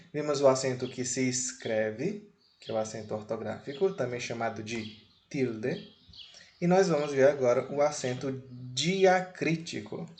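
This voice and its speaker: Slow, deliberate Brazilian male teacher. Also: medium pitch, darkish tone, slight background noise. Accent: Brazilian Portuguese. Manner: slow, deliberate, repeats key words. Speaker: Spanish teacher. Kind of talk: slide lesson.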